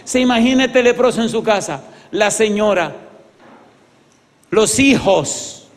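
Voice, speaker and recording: A man preaching an evangelistic sermon, swinging between loud exclamations and hushed pleading and asking the congregation many rhetorical questions. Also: high voice, animated, a little slow. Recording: reverberant hall sound.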